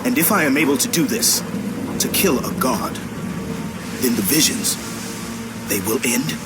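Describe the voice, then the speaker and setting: An actor playing a gruff, wrathful Spartan warrior haunted by nightmares, in a dramatic video game style. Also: male voice, medium pitch, lively intonation, measured pace, loud music behind the voice, natural voice. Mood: grave, doubtful.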